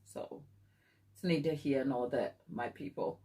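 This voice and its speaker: Her voice is very deep, warm and unhurried as she hosts a cake decorating livestream with a Ghanaian accent. Chatting casually, she addresses the audience as "my people" and mixes in Twi.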